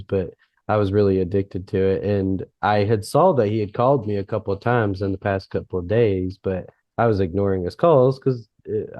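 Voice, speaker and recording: An easygoing man telling stories in a casual podcast chat, with plenty of fillers and laughter. His voice sits low for a man. The recording is dull and muffled, yet dry. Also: dry recording. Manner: easygoing storyteller, laughs often, many fillers.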